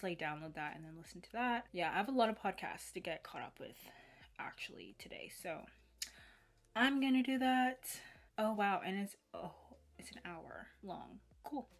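A young woman chatting casually to camera at home as a vlogger, relaxed and full of likes and ums. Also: medium pitch. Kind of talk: casual vlog chat to camera. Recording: roomy echo.

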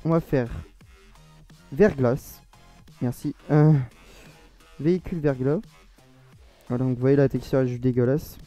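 A man's voice: medium pitch, steady tone, unhurried, pauses often, mellow, soft background music. A man with a French accent giving a casual, rambling modding tutorial, often correcting himself and laughing at his own slips. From France. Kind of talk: casual screen-recorded tutorial.

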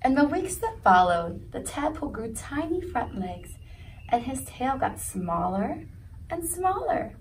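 A woman's voice: sits high, very animated, measured pace, far from the mic, slight background noise, rough recording. A woman leading a children's story time, reading a picture book aloud in a sing-song voice and asking the kids questions. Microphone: video recording.

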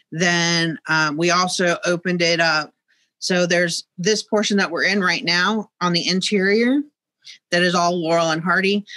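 A woman's voice: lowish voice, a bit bright, no room sound. A middle-aged woman guiding a museum, speaking on a video call in a knowledgeable way with frequent hesitations. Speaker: museum guide. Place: museum exhibit room, indoors. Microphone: video call, webcam.

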